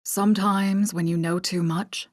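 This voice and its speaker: A woman voicing a calm young female ex-intelligence officer in her twenties in an audiobook, speaking in a knowing, calm way. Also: lowish voice, unhurried, no room sound, clean studio sound.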